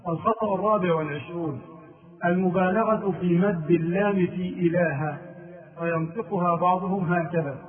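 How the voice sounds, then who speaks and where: A man's voice: high-pitched, a little fast, recorded from a distance, phone-quality sound. A man teaching a religious lesson, going through mistakes one by one and chanting the call-to-prayer phrases as examples. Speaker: Islamic scholar.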